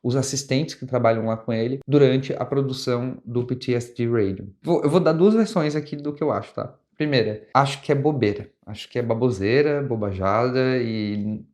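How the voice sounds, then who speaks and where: Hosting a comics review channel, a young adult man with a Brazilian Portuguese accent talks conversationally, frequently restarting and rephrasing. His voice is medium-pitched and a little mellow, at a normal speed with few pauses.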